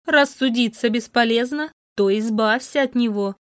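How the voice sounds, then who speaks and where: A woman's voice: fairly high pitch, moderate pace, dry recording, studio quality, close to an everyday voice. A woman voicing a bitter, harsh middle-aged mother who talks sharply and scolds. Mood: scolding.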